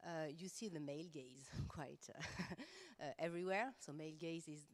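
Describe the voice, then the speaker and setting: Speaking English with her native French accent, a professor contributes to a round-table panel in a conference room. Her deep voice moves at a moderate pace, earnest and passionate but full of hesitations and fillers.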